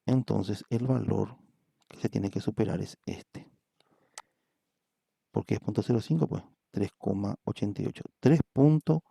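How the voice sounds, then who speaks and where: A man's voice: fairly low pitch, creaky, dark tone, slightly rough, dry recording, studio quality. A man, a psychometry professor, giving a recorded statistics lecture. He explains patiently, repeats words and checks in with "¿verdad?" often.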